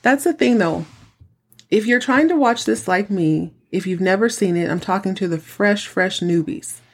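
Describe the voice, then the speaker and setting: A woman's voice: mid-range voice, normal speed. A woman hosting a casual TV recap podcast, chatty and campy, with theatrical, dramatic emphasis. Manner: theatrical, campy show-host delivery. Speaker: podcast host.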